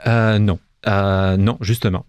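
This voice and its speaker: Interviewed in a radio studio, a cultural institute's deputy director with a Romanian accent stumbles through answers full of fillers and false starts. He speaks slowly in a fairly low, steady voice that sounds darkish and clean on a dry recording.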